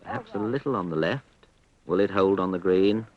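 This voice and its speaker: A man giving measured, understated golf commentary on a 1970s archive sports broadcast. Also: low voice, expressive, phone-quality sound, a little hiss or hum. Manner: understated, measured descriptions with appreciative exclamations.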